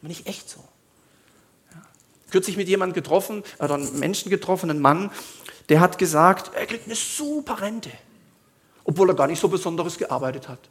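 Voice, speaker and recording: A man's voice: high voice, expressive, brisk. A male pastor, preaching a sermon in a conversational style with emphatic asides.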